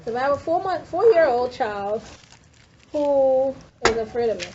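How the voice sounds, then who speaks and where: A woman in her fifties giving a lively classroom lecture, quizzing her students as a nursing instructor. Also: high-pitched, moderate pace. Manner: animated, questioning the class. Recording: dull lo-fi classroom recording with faint noise.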